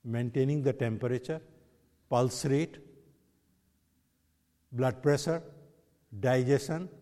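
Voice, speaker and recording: Male spiritual teacher, North Indian accent, slightly higher-pitched voice, questioning didactic delivery, long hall echo. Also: slow pace, mellow. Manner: didactic, poses rhetorical questions to listeners. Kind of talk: religious discourse in English with Hindi and Sanskrit phrases.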